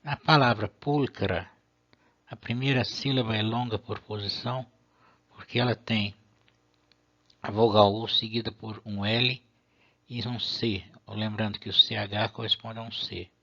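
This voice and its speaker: A man's voice: lowish voice, steady tone, measured pace, a bit bright. A man, teaching a language lesson patiently and methodically, sometimes stopping to restart a phrase. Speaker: Latin teacher. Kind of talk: explanatory video lesson. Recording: dull lo-fi recording.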